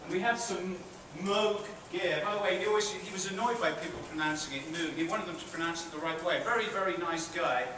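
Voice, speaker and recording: In a big theatre hall full of students, a middle-aged man from Britain, speaking with a British accent, delivers a chatty university lecture, quizzing the audience and poking fun at himself. He talks a little fast in a high voice, barely pausing, and the audio sounds far-off, noisy and heavily echoey.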